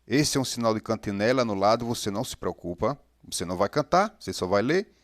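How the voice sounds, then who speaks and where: A man teaching Hebrew reading step by step. He is patient, sounds out syllables slowly and keeps checking in with the listener. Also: fairly low pitch, lively intonation, no room sound, studio quality.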